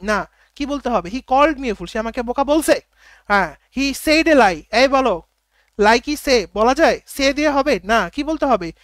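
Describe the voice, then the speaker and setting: A woman tutor with a Bangladeshi accent runs an online exam-prep class, checking answers and putting questions back to her students. Her voice sits fairly high, and it is recorded close and dry with no room sound. She slows right down to read each English sentence aloud. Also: expressive, dry recording. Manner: quizzing students, reading English sentences slowly. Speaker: teacher.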